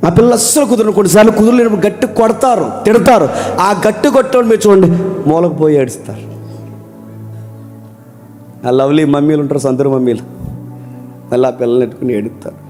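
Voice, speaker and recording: A man preaching a sermon, asking rhetorical questions and calling on his listeners to answer, moving between loud emphatic lines and quiet low ones. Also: fast, long pauses, faint music behind. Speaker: pastor.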